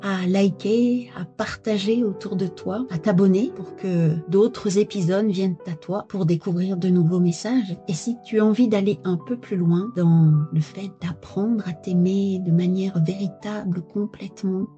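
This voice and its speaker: A woman hosting a personal-development podcast, gently inviting listeners to share and subscribe, in a slightly dull recording. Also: mid-range voice, steady tone, measured pace, few pauses, faint music behind. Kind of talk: direct-to-listener outro.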